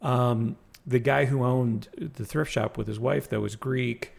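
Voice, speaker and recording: A man in casual conversation, telling a personal story in a reflective, halting way with frequent restarts. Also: medium pitch, steady tone, vocal fry, a little mellow.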